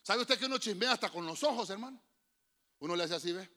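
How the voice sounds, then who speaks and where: A man preaching a lively sermon to a church congregation in a Honduran accent, quizzing the listeners and swinging from loud calls to low whispers. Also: quick pace. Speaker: pastor.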